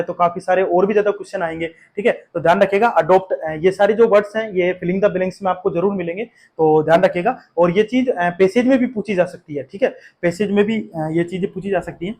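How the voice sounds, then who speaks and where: High-voiced man teaching English vocabulary. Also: a little mellow. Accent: Indian English. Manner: explains slowly with many fillers and check-in questions. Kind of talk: exam-prep vocabulary lesson.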